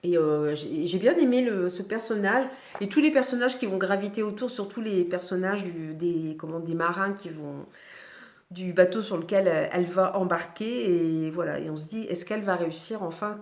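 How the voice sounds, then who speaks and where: A woman's voice: on the low side, normal speed, darkish tone. A woman chatting casually about books she has read, hesitating often with fillers and restarts. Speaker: book vlogger. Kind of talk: casual book review chat. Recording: echoey room.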